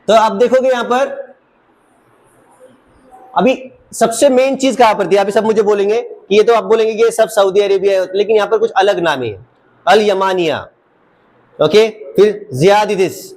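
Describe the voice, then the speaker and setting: A man's voice: sits high, normal speed, long pauses, a little mellow. A man teaching a class of children in a classroom, coaxing and asking them the same question again and again. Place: classroom with a projector.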